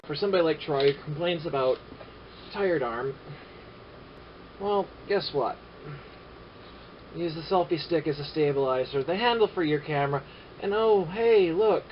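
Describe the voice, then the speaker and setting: A man vlogging casually about his camera gear, rambling and halting with many filler sounds and dry sarcastic asides. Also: fairly high pitch. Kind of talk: casual gear-review vlog. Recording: dull lo-fi audio with faint noise.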